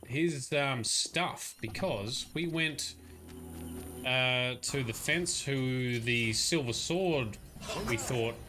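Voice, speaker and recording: A streamer with a mid-range voice speaks very slowly in casual let's play commentary, chatty, swearing, and laughing at the game while game music plays behind him.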